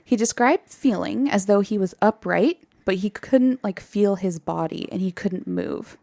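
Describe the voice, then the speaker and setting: Brief: woman podcast host, animated storyteller, dry close mic. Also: medium pitch, unhurried, vocal fry, dry recording. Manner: animated, laughs often, acts out quotes. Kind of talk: casual storytelling chat.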